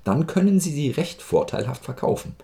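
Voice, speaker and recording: A self-assured doctor talking slowly and persuasively, his voice low, dark and gravelly, as a man reads him in a storybook. he sounds measured and sure of himself throughout. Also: sing-song.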